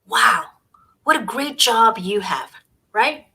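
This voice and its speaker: A woman hosting a casual livestream in a bright, sharp voice. She talks with biting sarcasm and scorn. She sometimes chews on food between remarks. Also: on the high side, lively intonation, takes it slowly. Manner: eating while talking. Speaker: host.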